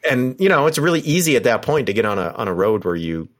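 A man in his forties from Southern California tells stories in a casual conversation. His pitch swoops widely, and he acts out the voices of people he quotes. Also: fast. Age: 40s. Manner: animated storyteller acting out quoted voices. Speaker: professor and former pastor.

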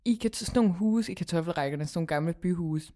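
A woman's voice: lowish voice, dark tone. A woman chatting casually and emphatically as a podcast host. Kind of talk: casual gossip chat.

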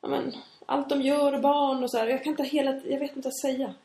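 A woman's voice: high-pitched, little pitch movement, mellow. A woman in casual conversation, thinking aloud hesitantly and trailing off. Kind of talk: casual chat. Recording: roomy echo.

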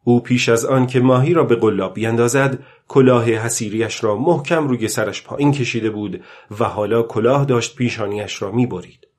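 A man reads a novel aloud in a calm, measured way, his voice at an ordinary middle pitch. The delivery is even and steady, suited to a long audiobook. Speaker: audiobook narrator. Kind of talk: scripted narration.

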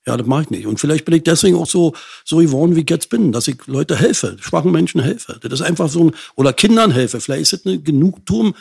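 Older male guest, gravelly voice, blunt and raw. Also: on the high side, expressive, fast talker, few pauses. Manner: blunt, swears, relives angry outbursts. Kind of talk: telling his life story.

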